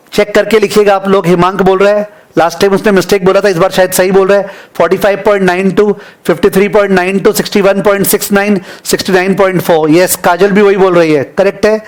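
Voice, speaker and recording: An Indian English-accented male teacher with a high-pitched voice runs a live online finance class. He reads figures slowly and repeats them for dictation, teasing students by name between numbers.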